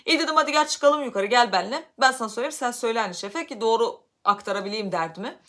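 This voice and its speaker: A woman from Turkey telling a story casually to her vlog audience, animated, her voice getting loud when she is upset. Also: fairly high pitch, very fast. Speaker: vlogger.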